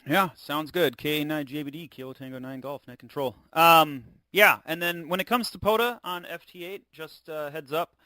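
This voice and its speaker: Higher-voiced man running a radio net. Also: moderate pace, hardly any pauses, sharp tone, a little hiss or hum. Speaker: amateur radio net control operator. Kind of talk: hosting a ham radio check-in net.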